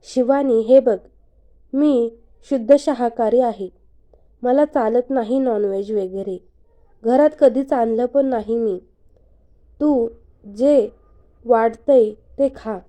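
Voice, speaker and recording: Woman narrator voicing a calm, teasing young man. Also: on the high side, slow pace, pauses often.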